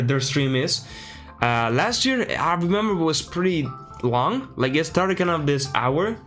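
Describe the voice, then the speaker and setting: A man's voice: medium pitch, a bit bright. A man streaming live in casual chat, thinking aloud as he adjusts his setup. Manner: chatty, thinks aloud while fixing settings. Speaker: streamer reacting to a livestream.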